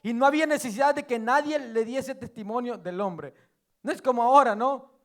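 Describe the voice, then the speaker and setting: A male preacher giving a sermon, retelling scripture as lively storytelling with joking asides. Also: very high-pitched, brisk. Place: church.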